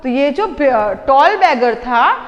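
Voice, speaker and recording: A woman teacher with a high voice talks slowly through a children's story, stopping to translate and quiz her class. The recording is dull and carries a long echo. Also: lively intonation. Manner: patient, translates each line and asks the class questions. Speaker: school teacher. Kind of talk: explaining a storybook lesson to young children.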